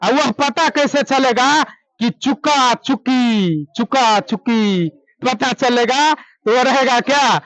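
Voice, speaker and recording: A male teacher with a Bihar accent leads a classroom grammar lesson in a high, unhurried voice. He keeps asking the class questions and repeating the answers back. He draws out his English examples slowly, and the sound is dry and close. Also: fairly bright tone, no room sound, poor audio. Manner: drawn-out slow English examples.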